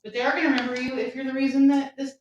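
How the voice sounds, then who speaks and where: A woman's voice: high-pitched, little pitch movement, rapid-fire, dull audio. A woman co-hosting a casual talk radio show, chiming in with dry, teasing remarks. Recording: echoey room with faint noise.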